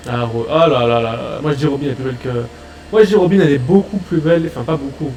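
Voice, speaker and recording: A man hosting a reaction video, chatting casually in excitable, slangy banter and repeating his own phrases. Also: mid-range voice, quick pace, a little hiss or hum.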